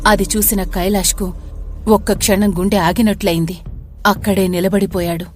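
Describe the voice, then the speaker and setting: A woman tells a scripted spooky story in a steady, measured way. Her voice sits at a middle pitch, with faint music under the narration.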